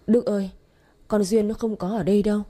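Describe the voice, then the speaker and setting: A woman voicing a soft, pleading elderly mother who is close to tears in an audio story. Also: mid-range voice, fairly even intonation, a little fast, voice pushed up, natural voice. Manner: pleading, tearful.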